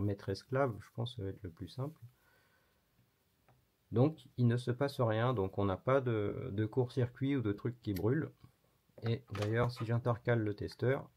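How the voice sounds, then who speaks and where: A man hosting an electronics tutorial, explaining casually while demonstrating hands-on and swearing mildly now and then. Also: mid-range voice. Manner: casual and chatty, with mild swearing. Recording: dull lo-fi recording.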